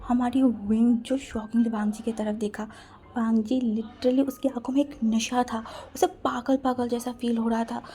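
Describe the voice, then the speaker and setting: A woman narrating a romance fan story with dramatic, breathless delivery. Her voice is mellow and warm, and sits a little high for a woman. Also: flat delivery, normal speed.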